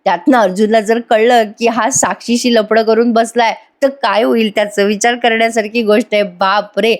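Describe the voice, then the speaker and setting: A woman's voice: a little high, fairly even intonation, normal speed. A woman recapping a TV serial episode in a chatty voice-over, addressing viewers directly. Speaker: TV serial reviewer.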